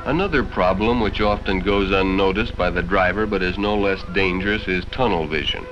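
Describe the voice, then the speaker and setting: An American man with a deep voice, speaking at normal speed, narrates a 1960s educational film from a script. His manner is stern, lecturing and condescending. The vintage soundtrack is dull and carries music.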